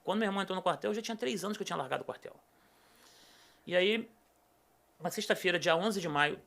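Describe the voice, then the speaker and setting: Fast-talking gravelly Rio man. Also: a little high. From Rio de Janeiro state, Brazil. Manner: animated, acts out quoted dialogue. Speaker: podcast guest. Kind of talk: casual personal storytelling.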